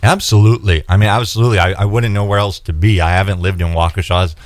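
A man's voice: sits low, fairly even intonation, no room sound. A man, a state senate candidate talking earnestly in a radio studio. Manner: earnest, measured, with fillers and restarts. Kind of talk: radio interview, campaign talk.

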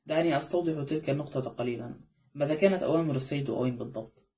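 A man reads an old judge in an audiobook, dry and probing as he questions the others. The voice is dark and mellow, close to the narrator's own. He keeps a quick pace. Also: fairly high pitch, natural voice.

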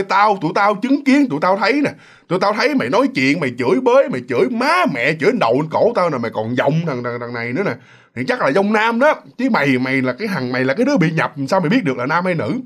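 A man's voice: a little high, natural voice. A man voicing an exasperated young friend who scolds bluntly. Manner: scolding, agitated, rough.

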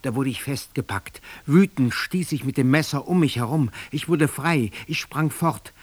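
A man's voice: medium pitch, moderate pace, no room sound. Male reader, gripping theatrical literary reading, close dry studio sound. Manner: intense, theatrical first-person reading.

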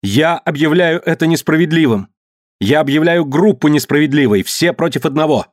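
A man's voice: medium pitch, fairly quick, a little mellow, no room sound, studio quality, pitched above the performer's own voice, natural voice. A man voicing a bold young woman who firmly protests an injustice in a story reading. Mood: protesting. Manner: firm and protesting.

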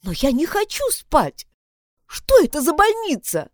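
A woman's voice: sits high, huge pitch swings, unhurried, dry recording, clean studio sound, voice pushed up, heavily acted. A woman voicing a frightened, confused young heroine in a hospital bed, speaking in a pleading, agitated way. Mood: desperate.

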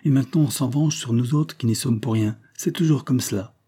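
A sorrowful young country girl, plaintive and stubborn, pitched well up, as a male narrator puts her on. The tone stays dark and husky underneath, as in a storybook reading. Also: a little fast, lightly acted. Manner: tearful, plaintive and insistent. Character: grieving young peasant woman, stubborn.

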